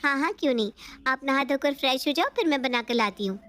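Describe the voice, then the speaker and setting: A young daughter-in-law in a cartoon story, voiced by a woman with a high, girlish pitch. She talks sweetly and earnestly and is eager to please. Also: lively intonation, fast, fairly bright tone.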